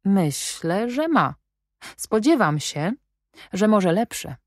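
A woman reading an audiobook, voicing a reserved, proud young governess who answers in a plain, quietly firm way. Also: mid-range voice, sing-song, takes it slowly, no echo, clean studio sound, pitched above the performer's own voice. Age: young adult.

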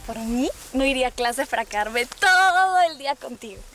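A woman's voice: sits high, lively intonation, normal speed, over music. A young actress playing an affectionate, playfully reproachful girlfriend in a romantic TV drama. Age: young adult. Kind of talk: romantic telenovela acting.

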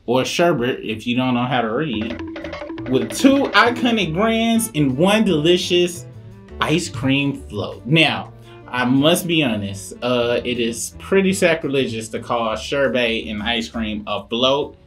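A man's voice: medium pitch, animated, a little slow. A middle-aged man, a dad hosting a casual ice cream review, talking in a playful, teasing way. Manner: playful, teasing, sing-song outbursts. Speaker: host, dad. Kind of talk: casual food review chat. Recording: faint guitar music behind.

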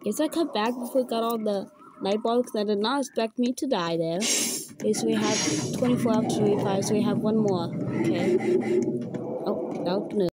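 A woman giving casual gameplay commentary, chatting and reacting out loud to what happens on screen. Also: medium pitch, brisk. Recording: loud background noise.

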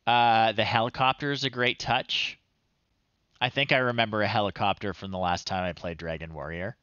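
Speaking at a moderate pace in a fairly low, steady voice, this thirtysomething livestream host mutters short phrases and thinks aloud while testing old software in a small home room. His tone is bright, forceful and smooth. The audio is dry and dull.

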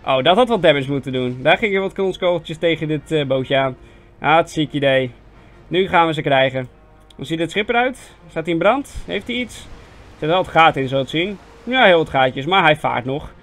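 A young Dutch man giving casual, self-mocking commentary on a strategy game, chatty with sudden excited yelps. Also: fairly high pitch, moderate pace. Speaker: gaming video host. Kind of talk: casual let's-play commentary. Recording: faint game music behind voice.

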